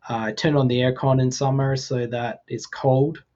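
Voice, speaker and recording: Podcast guest, man, 40, from Australia; average pitch, slightly muffled recording, measured and hesitant. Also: flat delivery, darkish tone. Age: 40s. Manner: thoughtful, hesitant with ums and restarts. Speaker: guest, VFX artist. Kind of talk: casual podcast conversation.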